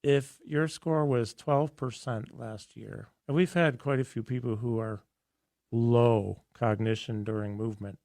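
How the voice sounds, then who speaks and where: A man hosting a health radio show in a studio, talking in a casual, enthusiastic and rambling way with a hoarse, raspy voice. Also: medium pitch, darkish tone, no room sound.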